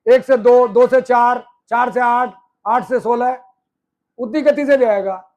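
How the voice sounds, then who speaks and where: A man's voice: very high voice, steady tone, slow pace, darkish tone. A man giving a political speech to an audience, firing rhetorical questions and answering them himself, piling up repeated phrases. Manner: emphatic, repeats phrases in lists. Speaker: movement speaker.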